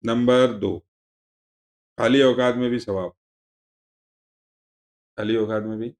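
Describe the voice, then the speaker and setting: A man of middle pitch teaching a classroom religious lesson. He talks informally and wanders off on side stories. He circles back to define each word twice over. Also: fairly even intonation, slow pace, a little mellow. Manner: conversational, digressive, explaining terms with repetition.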